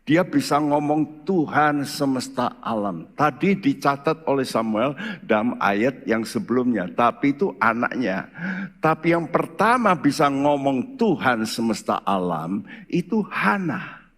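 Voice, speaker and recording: Slow-preaching man in a reverberant church hall. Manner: animated preaching with sudden pitch jumps and rhetorical questions. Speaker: pastor. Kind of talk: sermon.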